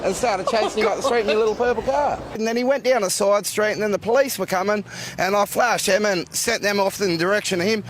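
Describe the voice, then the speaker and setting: A man's voice: high voice, fast. A man with a broad Australian accent telling a casual, matey anecdote as an eyewitness in a live interview. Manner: laid-back, colloquial, matey. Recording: faint outdoor street noise.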